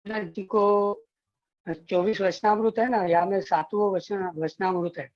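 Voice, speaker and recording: A man, speaking from afar over a remote call. His audio is clipped and distorted and keeps breaking up, and the muffled, narrow line dulls his voice. He talks haltingly, pausing as he searches for words. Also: sits high, fairly even intonation. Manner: hesitant, searching for words while recalling a text. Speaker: participant in an online religious study session. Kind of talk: casual remarks in a group discussion.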